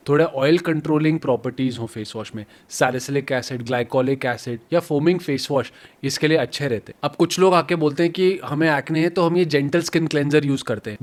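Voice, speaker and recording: Instructive man with a raised voice. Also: a little high. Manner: instructive, step-by-step, mixes English terms. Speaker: dermatologist. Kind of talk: medical explainer.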